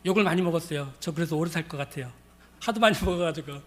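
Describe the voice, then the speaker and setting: A high-voiced man preaches a sermon very fast, telling a story and acting out its dialogue as he goes. His delivery is that of a plain pastor.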